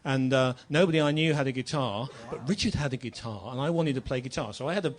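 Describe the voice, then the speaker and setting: A man's voice: mid-range voice, quick pace. An older male musician recounting his early days in a band, rambling and anecdotal. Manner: rambling, storytelling. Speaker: guest musician. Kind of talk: anecdotal storytelling on stage.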